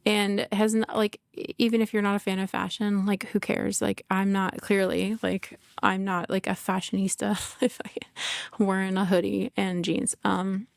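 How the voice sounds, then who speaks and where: A woman's voice: mid-range voice, level tone, normal speed, creaky, no echo, studio quality. A middle-aged woman hosting a podcast in casual solo talk, candid and emotional, laughing often and swearing, full of "like" fillers. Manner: emotional, confessional. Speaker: podcast host.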